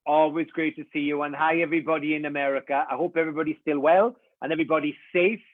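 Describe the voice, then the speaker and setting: A man's voice: a little high, fairly even intonation, fast, no room sound. A man, a wig designer, chatting casually on a live stream from home over a video call. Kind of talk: casual livestream chat. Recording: tinny, dry phone-like line.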